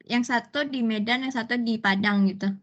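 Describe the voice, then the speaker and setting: A woman's voice: fairly high pitch, moderate pace. A young woman chatting and teasing her classmates, in a playful way. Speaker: student in group discussion. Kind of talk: casual chat. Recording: dull, lo-fi call audio.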